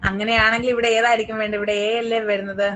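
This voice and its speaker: Woman, Malayali accent, online English teacher, quizzing the class, bright tone. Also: on the high side, little pitch movement, rapid-fire, low-quality recording. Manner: asks the class many quiz questions, checking understanding.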